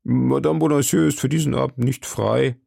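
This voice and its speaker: A man's voice: mid-range voice, steady tone, normal speed, creaky, mellow, no room sound, clean studio sound. A man reading an audiobook who voices a timid, fretful middle-aged shopkeeper with a nervous, fawning manner. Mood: anxious. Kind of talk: audiobook character voice.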